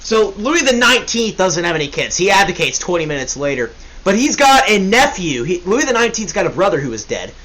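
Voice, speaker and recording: A man's voice: high-pitched, very animated, fairly quick, hardly any pauses, bright, forceful tone, rough recording. A young man hosting a casual history podcast, rambling and joking, often correcting himself. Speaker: podcast host. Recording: faint hiss.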